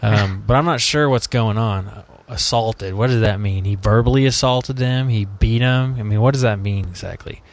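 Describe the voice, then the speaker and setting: A man's voice: fairly low pitch, normal speed, few pauses. Rambling, jokey male podcast host. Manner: rambling, jokey, laughs a lot. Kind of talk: casual podcast chat.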